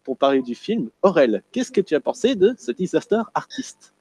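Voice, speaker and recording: Belgian host, male, higher voice, joking manner, dry close sound. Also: sing-song, moderate pace, darkish tone, breathy edge, no room sound, low-quality recording. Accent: Belgian French. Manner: playful, joking. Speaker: podcast host. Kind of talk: casual film review chat.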